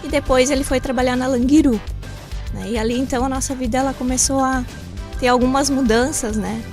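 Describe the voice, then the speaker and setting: A woman's voice: high-pitched, steady tone, brisk, music in the background. A woman from southern Brazil, a shop owner interviewed in a radio studio, telling her story in a plain, simple way with frequent tag questions.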